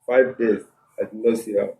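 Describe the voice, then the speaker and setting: Speaking into a handheld microphone in an echoey room, a tenant with a Nigerian accent lays out his grievance step by step in Nigerian Pidgin mixed with English. His voice is lowish, creaky and a little mellow, with little pitch movement and a moderate pace.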